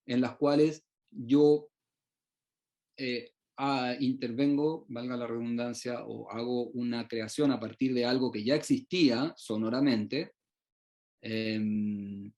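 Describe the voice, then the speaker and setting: Man, from Uruguay, raised in Chile, academic presenter, hesitant, full of fillers, mid-pitched voice. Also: fairly even intonation, slow pace, a little mellow. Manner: hesitant, many fillers and restarts. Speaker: researcher presenting his work. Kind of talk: online presentation.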